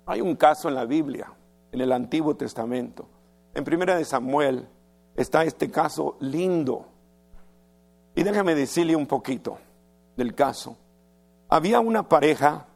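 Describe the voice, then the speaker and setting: A man's voice: on the high side, gravelly. A male pastor preaching an earnest sermon and stretching his words for emphasis.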